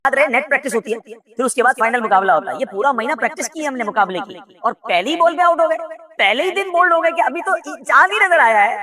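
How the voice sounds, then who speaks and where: A man hosting a religious discussion show, coaxing viewers and guests in a lively, direct way. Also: very high-pitched. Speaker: show host.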